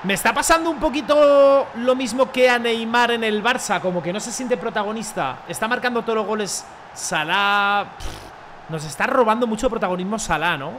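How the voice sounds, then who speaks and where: A young man, commentating his football video game with jokes, dramatic rants and sudden shouts. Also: high-pitched, normal speed, slight background noise. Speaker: gaming streamer.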